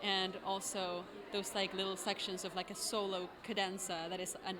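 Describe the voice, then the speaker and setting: Young woman, composer, relaxed casual answers over audible noise. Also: medium pitch, normal speed. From Argentina. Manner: relaxed, fills with "like" often. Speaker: composer and singer. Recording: noisy background.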